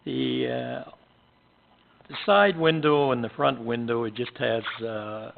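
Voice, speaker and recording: A gravelly-voiced Canadian man speaks up as a town councillor, plain-spoken and halting, filling pauses with "uh". The sound is thin and tinny, like a phone line. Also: medium pitch. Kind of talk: council meeting discussion.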